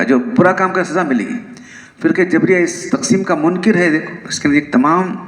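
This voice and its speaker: A man's voice: fairly high pitch, echoey room, poor audio. A man giving a religious lecture, explaining points with rhetorical questions and the odd amused laugh. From South Asia. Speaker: religious teacher.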